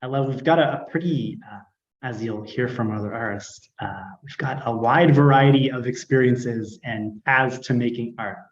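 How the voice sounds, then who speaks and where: A man's voice: mid-range voice, moderate pace. A man hosting an art event and introducing the artists in a friendly way, with some fillers. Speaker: event host. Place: arts centre gathering. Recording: dull roomy sound.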